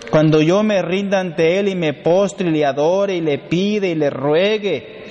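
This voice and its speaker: A man preaching a sermon slowly and emphatically, often asking the congregation rhetorical questions. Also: high-pitched, darkish tone, muffled recording. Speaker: priest. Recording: long hall reverb.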